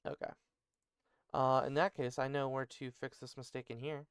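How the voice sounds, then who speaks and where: A man's voice: mid-range voice, little pitch movement, normal speed, clean tone, dry recording, clean studio sound. A man thinking aloud as he works on an invented language, muttering and correcting himself. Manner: muttering, self-correcting, musing. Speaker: conlang creator. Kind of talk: thinking aloud while working.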